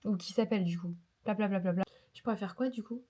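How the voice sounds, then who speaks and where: A woman's voice: mid-range voice, a little fast, warm tone. A woman vlogger with a cold, talking in a nasal voice, chatting casually and rambling with self-mocking asides. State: sick with a cold. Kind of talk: casual vlog chat. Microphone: lapel mic into phone.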